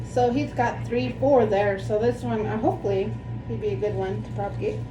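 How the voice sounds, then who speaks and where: A woman in her thirties with a lisp, chatting casually and in a rambling, self-deprecating way as she demonstrates something for a vlog. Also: a little high. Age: 30s. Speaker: plant vlogger. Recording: echoey room, distant mic, background music.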